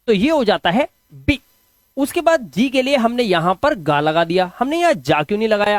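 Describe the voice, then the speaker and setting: Lively Hindi-speaking male English teacher. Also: very high-pitched, no room sound. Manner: patient, spells out letters one by one. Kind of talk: explaining spelling and pronunciation rules.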